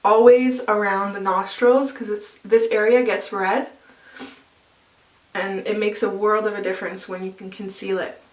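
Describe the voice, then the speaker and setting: She's a makeup vlogger with a mid-range voice, a flat intonation, and a moderate pace, heard through a distant mic in an echoey room. Chatting casually, she explains each step as she applies it, filling gaps with easy fillers.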